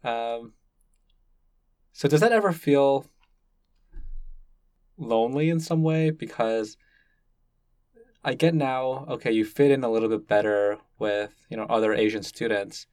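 A man of medium pitch speaks at a measured pace with long pauses, curiously and gently probing as a podcast interviewer in a conversational setting. He's from Canada, his first language is Cantonese, and the recording sounds dry.

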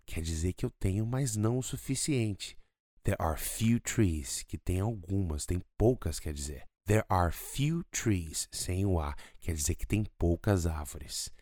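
Slow, deep-voiced male English teacher. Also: darkish tone, no echo, studio quality. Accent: Brazilian Portuguese. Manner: slow, drawn-out model sentences in English. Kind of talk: podcast English lesson.

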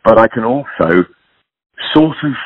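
A British podcast guest in his sixties, a clothing entrepreneur, chats casually and frankly, wandering off topic and running himself down. His mid-range voice is animated and unhurried, with phone-quality sound and no room sound.

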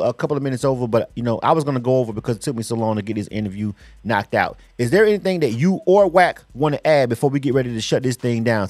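In a dry recording, a medium-pitched man hosts a radio interview. A middle-aged Floridian, he's loose and slangy, drifting through his points with casual asides and a habitual "you know what I'm saying."

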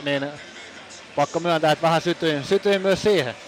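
A man's voice: on the high side, a little hiss or hum, low-quality recording. Chatty male hockey expert commentator. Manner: chatty, colloquial, with fillers. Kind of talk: casual color commentary.

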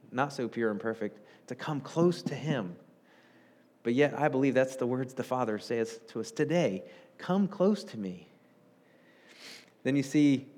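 A man preaching a sermon in a conversational, animated way, rising in pitch and volume when he stresses a point. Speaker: pastor.

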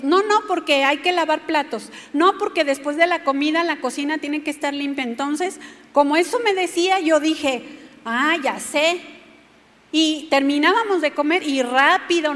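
A woman preaching a sermon, telling a personal testimony and speaking straight to her listeners. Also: sits high. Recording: long church hall reverb.

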